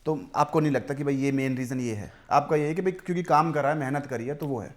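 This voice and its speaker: A man hosting an interview, asking steady questions and murmuring along while he listens. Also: mid-range voice, fast talker. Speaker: interviewer, podcast host. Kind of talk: casual interview conversation.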